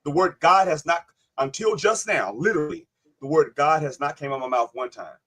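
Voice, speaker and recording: Husky man pressing hard in debate. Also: on the high side, brisk, a bit bright. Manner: insistent, cuts in, repeats questions. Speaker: livestream host. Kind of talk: heated debate on a live panel.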